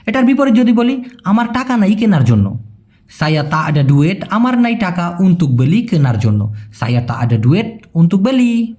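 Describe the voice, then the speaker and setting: Lively high-voiced man teaching phrases. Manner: explains patiently, repeats phrases slowly and checks understanding. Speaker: language teacher. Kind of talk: casual spoken language lesson.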